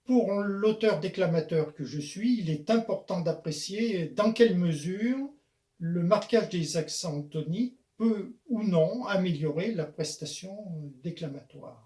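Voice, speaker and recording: A man giving a measured spoken lesson on poetry, pausing often with hesitation fillers. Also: high voice, animated, mellow. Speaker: poetry lecturer and author-declaimer.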